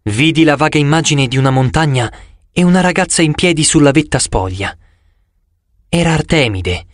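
A man's voice: mid-range voice, dry recording. Male audiobook narrator, dramatic, close dry studio sound. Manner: expressive, dramatic reading. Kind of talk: scripted first-person narration.

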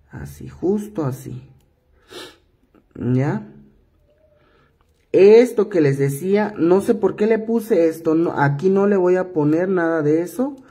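Slow, husky-voiced man with a cough. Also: a little high, mellow. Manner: patient, repetitive step-by-step instructing. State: hoarse from a cough. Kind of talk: hands-on craft tutorial.

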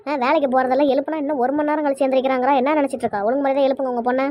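A woman voicing a bossy, quick-tempered mother in a cartoon, scolding nonstop, with a Kanyakumari Tamil accent. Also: high voice, little pitch movement, no room sound, highs cut off, lightly acted. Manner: scolding, rapid-fire.

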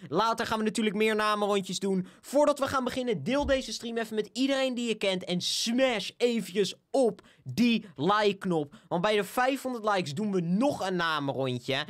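A young man with a Dutch accent hosts a live game stream. His voice sits high and sounds smooth and clean. He talks casually, stumbles over names and cheers on donors. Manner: chatty, stumbles over names, upbeat shout-outs. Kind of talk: live stream chat with viewers.

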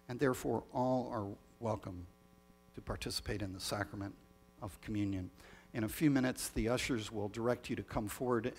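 Husky male pastor in cathedral echo. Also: mid-range voice. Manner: measured, solemn liturgical reading with small restarts. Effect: long cathedral-like echo. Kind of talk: leading a communion liturgy. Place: church sanctuary. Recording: long reverb of a large church.

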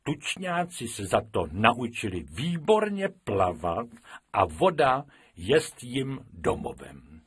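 Guy doing a stuffy old-school teacher, slow know-it-all lecturing, raspy. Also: mid-range voice, big pitch swings, no echo, studio quality, full character voice. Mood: pedantic. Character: pompous schoolteacher man, lecturing, easily annoyed.

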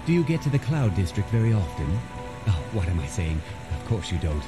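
A pompous, snobbish townsman from a video game, sneering at whoever he talks to. His voice sits a little low and swings widely as he looks down on the listener. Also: very animated, fairly quick, over music. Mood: condescending. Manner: condescending, pompous. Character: snobbish haughty city man, adult.

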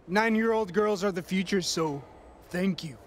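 A man voicing a young, cocky but jumpy hustler who talks in slang and gets excitable. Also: high voice, unhurried, a little hiss or hum.

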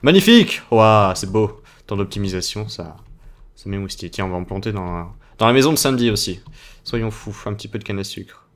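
A man's voice: fairly low pitch, steady tone, brisk. A young French man casually commenting on his game for viewers, playful and chatty, with game music behind him. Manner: chatty, playful, talking to viewers while playing. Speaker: gaming video host. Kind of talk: casual Let's Play commentary.

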